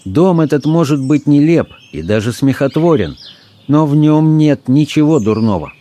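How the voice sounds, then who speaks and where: A man voicing a gentle, thoughtful middle-aged priest in an audiobook reading, speaking earnestly and explaining. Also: on the high side, expressive, normal speed, voice pushed up, natural voice. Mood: patient.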